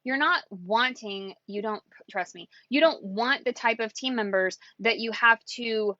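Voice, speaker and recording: A woman giving casual sales coaching in an excitable, chatty way. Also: fairly high pitch, measured pace, no echo, muffled recording. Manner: excitable and chatty, acts out quotes. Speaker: network marketing coach.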